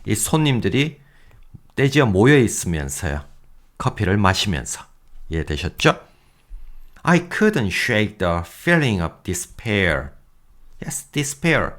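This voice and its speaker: A male English teacher records a vocabulary lecture, his fairly low voice rising and falling in wide swings. He reads English examples slowly and deliberately, then drops in self-mocking jokes. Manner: lively, self-mocking asides with chuckles.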